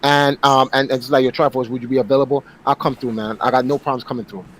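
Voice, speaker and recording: A man's voice: medium pitch, steady tone, quick pace, fairly bright tone, rough recording. A man in his forties, a guest on a casual online panel, talking emphatically and often repeating words as he starts a thought. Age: 40s.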